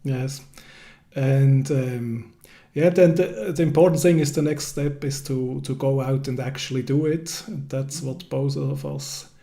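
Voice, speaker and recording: A man hosting a casual interview, speaking hesitantly with many pauses and restarts. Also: mid-range voice, fairly even intonation, dark tone. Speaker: host.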